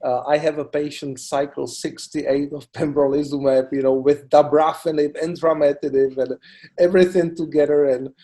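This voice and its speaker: A middle-aged man from the Republic, a cancer doctor answering interview questions in a halting way, full of "you know" fillers. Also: on the high side, little pitch movement, warm tone. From Czech Republic. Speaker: oncologist guest. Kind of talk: expert interview.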